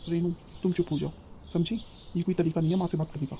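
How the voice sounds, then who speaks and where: A man's voice: on the high side, steady tone, fast, warm tone, slight background noise, natural voice. A man voicing an exasperated young husband in a cartoon story, reasoning with his frustrated wife. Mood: scolding.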